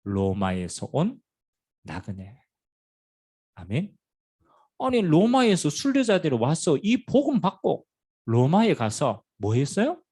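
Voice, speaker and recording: Middle-aged male pastor, rough husky timbre, very animated sermon delivery. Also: fairly high pitch, slow pace, pauses often. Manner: animated preaching with sudden loud and quiet swings. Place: church sanctuary.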